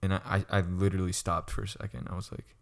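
A man's voice: deep voice, flat delivery, fast talker, gravelly. A young man co-hosting a casual chat, rambling with lots of stammered restarts and frequent laughter. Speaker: podcast co-host.

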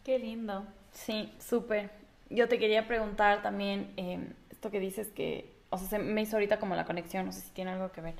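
Woman host on a podcast, curious and friendly, thinks out loud with lots of ums. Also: medium pitch, steady tone, moderate pace, creaky. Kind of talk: casual interview questions.

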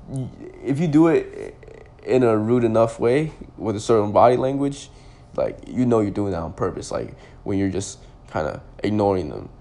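A man's voice: fairly low pitch, gravelly, warm tone. A young man in his twenties, a podcast host, telling a personal story in a loose, rambling way full of "like" and restarts. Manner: rambling, heavy use of "like" and restarts.

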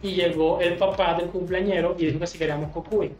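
A man's voice: high voice, steady tone, fast talker, a little mellow, roomy sound, faint music behind. A young man with a Venezuelan accent, a podcast guest who chats playfully and tells stories at the host's home. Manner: playful, storytelling, giggly. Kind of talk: casual podcast chat.

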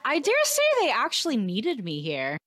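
A woman's voice: on the high side, wildly swooping pitch, moderate pace, fairly bright tone, no echo, studio quality. A woman chatting casually as a player in a tabletop game, thinking aloud and asking questions in a tentative way.

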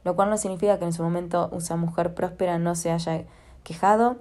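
A woman hosting a podcast, calmly guiding the listener through a spoken affirmation exercise and addressing her directly. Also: lowish voice, brisk. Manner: calm, coaching, speaks directly to the listener. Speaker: podcast host.

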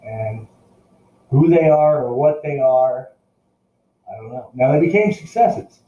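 An older man with a mellow, dark voice speaks earnestly to his viewers, urging them on in a casual talk to camera. He often stumbles, repeating and restarting words. The recording sounds roomy and slightly dull. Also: mid-range voice, lively intonation, slow. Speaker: vlogger addressing viewers.

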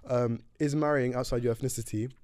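A young man from Sudan, co-hosting a podcast in casual chat, quick and laid-back with lots of slang and restarts. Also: medium pitch, fairly even intonation, darkish tone, no echo, studio quality. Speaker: podcast co-host.

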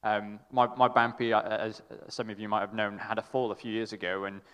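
A young man sharing a halting, affectionate story, with many restarts and laughs. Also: fairly low pitch, fairly even intonation, fairly bright tone, clear, resonant tone. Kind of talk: casual storytelling in a tribute. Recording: long reverb in a hall.

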